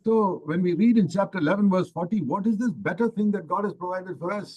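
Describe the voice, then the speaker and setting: Slow, measured man in his eighties. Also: high voice, highs cut off. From India. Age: 80s. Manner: slow, measured, pausing for translation. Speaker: preacher. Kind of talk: sermon with interpreter.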